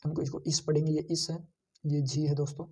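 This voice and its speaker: A man teaching shorthand, slowly repeating each sound and pointing out how every stroke is drawn. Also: a little high, little pitch movement, mellow, slightly rough, far from the mic. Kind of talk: screen-share lesson.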